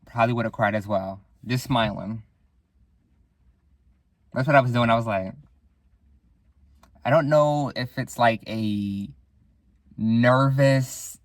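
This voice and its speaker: A man's voice: medium pitch, dry recording, studio quality. A young man hosting a solo podcast, telling casual stories with frequent laughter, the odd swear and acted-out quoted voices. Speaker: podcast host.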